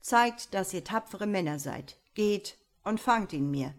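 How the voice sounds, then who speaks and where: A woman's voice: mid-range voice, expressive, unhurried. A woman voicing a fairy-tale king giving orders to his sons-in-law. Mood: commanding. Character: commanding old-fashioned fairy-tale king.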